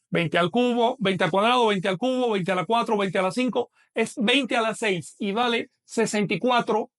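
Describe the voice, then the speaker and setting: A man's voice: sits high, a bit bright. A man teaching a math class online, explaining patiently and quizzing a student as he goes.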